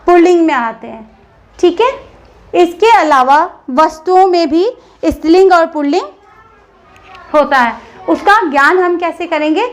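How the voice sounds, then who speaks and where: A woman's voice: very high-pitched, measured pace, pauses often, poor audio. A woman school teacher giving a grammar lesson to children, patiently asking questions and answering them herself.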